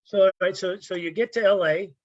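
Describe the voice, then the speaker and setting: A radio talk show host asks playful, teasing questions in a casual chat. The voice is husky and dry. The sound comes through a dull, lo-fi line. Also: mid-range voice, fairly quick, no room sound.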